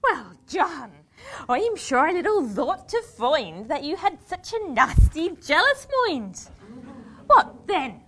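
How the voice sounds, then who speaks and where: A woman's voice: sits high, very animated, fairly bright tone, full character voice. A woman doing a pert lass. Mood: scolding. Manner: playful, scolding, quick to laugh. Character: young country girl sweetheart, pert and teasing. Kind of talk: recited dialect verse dialogue.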